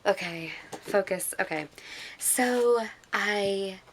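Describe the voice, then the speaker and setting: A woman vlogger telling an excited, rambling story in a casual way. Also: mid-range voice, very slow, slight background noise.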